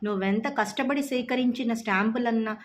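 Gentle grieving young boy, as a woman puts him on. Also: normal speed, a little hiss or hum, natural voice. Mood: tearful doubtful. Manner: low-voiced, tearful, doubtful.

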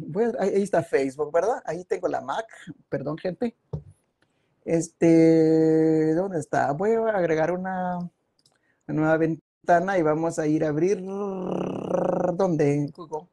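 A man's voice: fairly high pitch, measured pace, vocal fry, mellow. A man chatting casually on a live stream, reading viewer comments aloud and rambling from topic to topic. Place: home, at a computer.

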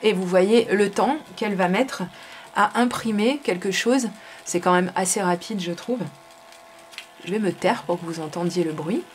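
A woman talks through a product demo at her craft table. She explains each step in a chatty, relaxed way, often pausing on fillers. Her voice sits at a middle pitch. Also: slight background noise. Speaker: crafting video host.

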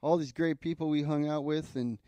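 A man's voice: a little high, fairly even intonation, a little fast, warm tone, dry recording, lo-fi sound. Joking man with a lisp. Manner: joking, rambling. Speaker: co-host and musician. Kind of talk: casual chat on a livestream.

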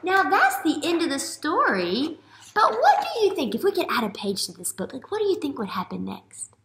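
With a high voice, wildly swooping pitch, and a moderate pace, an American teacher in her thirties reads aloud to young children, talking expressively and asking many questions. She teaches early elementary, and the indoor classroom recording carries a roomy echo and background noise.

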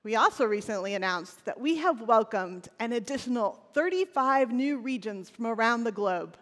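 Woman, 40s, keynote presenter on a big stage; earnest scripted delivery, slightly high voice, lapel mic in a reverberant hall. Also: animated, moderate pace, a bit bright. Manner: scripted, earnest, occasional restarts. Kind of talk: conference keynote speech. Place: large stage in a conference hall. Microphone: headset or lapel mic on stage.

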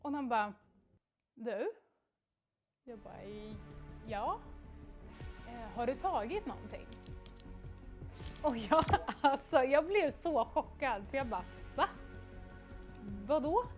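A young woman on a livestream telling a story in a casual, animated way and acting out the quoted dialogue, with lots of fillers. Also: high voice, long pauses, soft background music. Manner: frequent fillers like "liksom" and "jag bara".

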